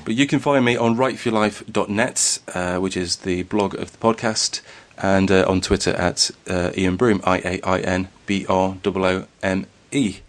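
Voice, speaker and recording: A man's voice: low voice, steady tone, moderate pace, hardly any pauses. A man from northern England hosting a podcast, speaking hesitantly with many restarts but enunciating carefully. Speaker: podcast host. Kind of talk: casual podcast interview.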